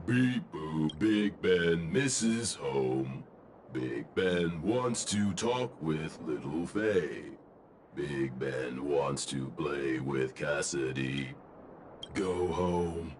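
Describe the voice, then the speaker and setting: An actor voicing a simple-minded, homesick robot in a game, talking slowly and childishly. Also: male voice, extremely low pitch, expressive, background noise, exaggerated voice. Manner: slow, childlike, beeping.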